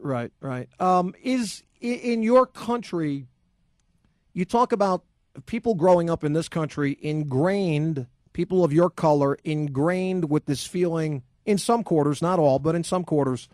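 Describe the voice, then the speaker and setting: A fairly high-voiced man hosts sports talk radio and rants with combative, sarcastic emphasis. His studio mic sounds dry and close, with no room around it. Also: unhurried, darkish tone, no echo. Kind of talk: opinionated talk radio rant. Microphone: studio microphone.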